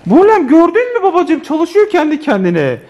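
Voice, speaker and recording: A man's voice: very high-pitched, normal speed, muffled recording. A man filming a family vlog at home, exclaiming and calling out to his viewers as he plays. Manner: exclaiming, lively, addressing viewers. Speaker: family vlogger. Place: home living room.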